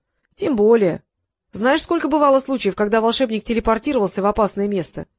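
A woman's voice: a little high, fairly quick, dry recording, lightly acted. A woman reading an audiobook, voicing a sly, evasive male genie who is thousands of years old, with a wheedling, mock-respectful manner. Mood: scheming.

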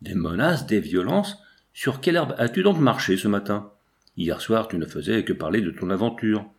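Brash, talkative young art student, read by a man, low-pitched, nonstop rambler. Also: lively intonation, lightly acted. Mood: indignant. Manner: rapid, unstoppable rambling.

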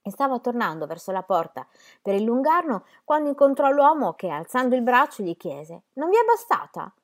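A woman reading historical letters aloud in a measured, expressive storytelling manner. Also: fairly high pitch. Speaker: reader.

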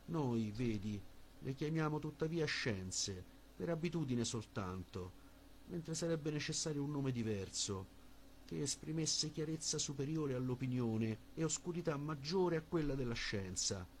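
A man reading Socrates, a measured philosopher. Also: mid-range voice, lively intonation, a little hiss or hum. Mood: reasoning. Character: Socrates, older male philosopher, patient questioner.

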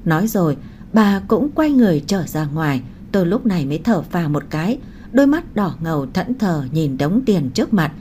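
A woman narrating a first-person audiobook story in an emotional, expressive way. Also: lowish voice, a little fast, slight background noise.

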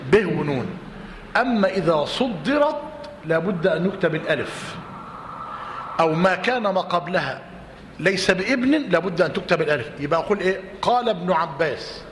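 A man's voice: high voice, expressive, a little fast, pauses often, fairly bright tone. Egyptian man teaching in a roomy hall. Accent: Egyptian Arabic. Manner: repeats points and quizzes students. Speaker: teacher of a fiqh class. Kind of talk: classroom teaching. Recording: roomy reverberant hall, faint noise.

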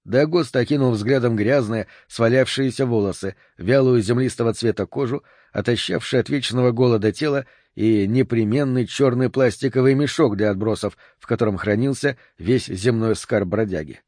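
A man's voice: medium pitch, normal speed, few pauses, a little mellow, no echo. Male audiobook narrator, dry close sound.

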